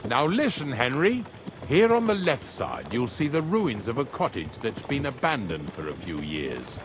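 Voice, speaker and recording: An actor playing a gruff, talkative older rustic wagon driver in a medieval video game, with a folksy, rambling manner. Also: male voice, mid-range voice, huge pitch swings, moderate pace, background noise. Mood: matter-of-fact, bossy. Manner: folksy, rambling, plain-spoken. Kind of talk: video game dialogue acting. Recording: music behind the voice.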